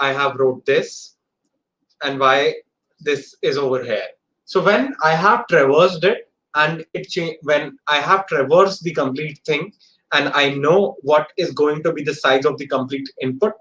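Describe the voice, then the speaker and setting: A man's voice: a little high, measured pace, a bit bright, rough recording. A man with an Indian accent teaching an informal live coding lesson, often repeating phrases and checking that students follow. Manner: repeats phrases, checks understanding with short tags.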